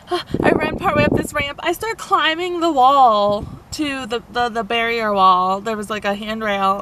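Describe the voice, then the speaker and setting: A young woman telling a story in a casual vlog, animated and rambling, full of fillers. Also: on the high side, a little hiss or hum. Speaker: van life vlogger. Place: inside a parked camper van.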